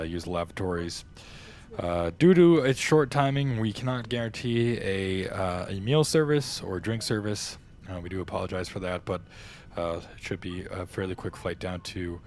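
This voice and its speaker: A man's voice: sits low, slight background noise. A man doing an airline captain's cabin announcement from the cockpit, loose and full of uhs. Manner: loose, filler-heavy announcing with many uhs. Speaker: flight simulator player. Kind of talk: mock airline pilot announcement.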